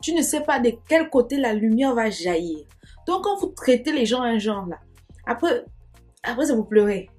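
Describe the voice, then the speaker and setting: A woman's voice: fairly high pitch, very animated, normal speed, a little mellow, faint music behind. A young woman telling a personal story in a chatty, digressive vlog manner, with sayings and asides. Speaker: storytime vlogger. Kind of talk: casual storytime monologue.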